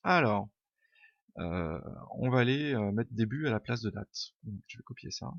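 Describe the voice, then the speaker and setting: A man's voice: lowish voice, expressive, moderate pace, vocal fry, a bit bright, no echo. Hesitant man thinking aloud. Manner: hesitant, many "euh" fillers, thinks aloud; informal, self-deprecating. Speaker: programming tutor. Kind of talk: unscripted screen-recorded coding tutorial. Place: home room. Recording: dull lo-fi home mic, dry.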